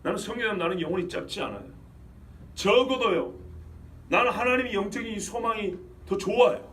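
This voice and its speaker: A male pastor preaching a sermon, firing rhetorical questions and swinging between loud outbursts and low asides. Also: fairly quick, distant mic, a little hiss or hum. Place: church sanctuary.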